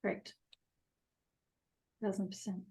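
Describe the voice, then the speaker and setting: A woman's voice: slow pace, warm tone. A woman co-hosting a podcast, talking casually and reflectively in earnest, unfolding phrases from personal experience. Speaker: podcast co-host.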